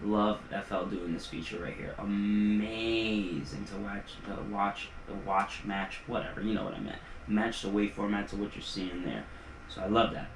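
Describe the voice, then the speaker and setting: A man with a lowish voice casually walks through his music production, laid-back and thinking aloud as he works. Music tracks play in the background, giving a roomy sound with a little hiss or hum.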